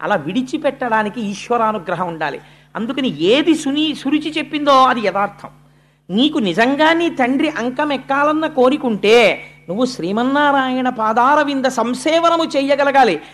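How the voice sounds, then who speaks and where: A man's voice: extremely high pitch, animated, moderate pace, a bit bright. A man giving a devotional sermon, telling a sacred story dramatically and acting out the characters' speech. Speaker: religious discourse speaker.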